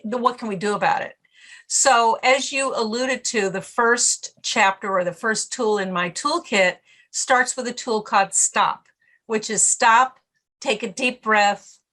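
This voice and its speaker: A woman's voice: medium pitch, bright, forceful tone. A middle-aged woman, a guest on a podcast interview, who talks about stress and acts out her own inner voice as she tells stories. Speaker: guest author and stress coach.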